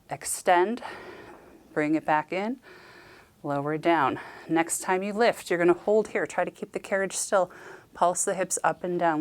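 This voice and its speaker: A woman Pilates instructor leading a guided workout, cueing movements and counting down reps while she exercises along. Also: fairly low pitch.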